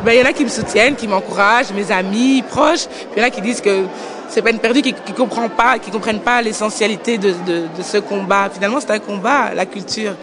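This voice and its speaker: A young Belgian woman who co-founded a language school answers interview questions earnestly and articulately in an indoor book fair hall. Her medium-pitched voice moves fast. Busy crowd chatter fills the background.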